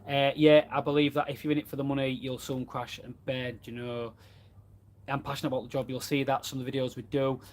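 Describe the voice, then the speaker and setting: A man's voice: mid-range voice, level tone, quick pace, a little hiss or hum. A man, chatting casually about running his plumbing business in a live question and answer from his van. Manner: chatty and plain-spoken, reads out viewer comments. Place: inside a van.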